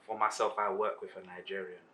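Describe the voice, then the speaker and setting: A man from Zambia co-hosting a casual radio interview. He asks long questions in one rapid run. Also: low-pitched, level tone, fairly bright tone. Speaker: radio co-host.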